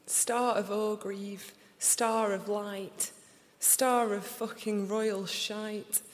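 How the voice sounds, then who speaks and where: A young English woman with a Sheffield accent reads her poems aloud before an audience in a large concert hall, her recital slow and deliberate. Her voice is medium-pitched and steady, recorded live amid the hall's reverberation.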